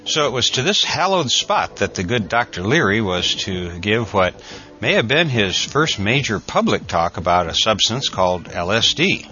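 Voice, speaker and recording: An older American man giving a conversational, reflective introduction in a measured storytelling way, like a podcast host. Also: fairly low pitch, big pitch swings, bright, forceful tone, dull audio, soft background music. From United States.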